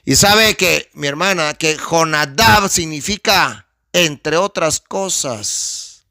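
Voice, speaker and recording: A Guatemalan pastor with a fairly high voice takes his time in this clean, echo-free studio recording. His sermon teaching is emphatic and conversational, calling listeners sister and brother and animatedly asking the audience to help him along.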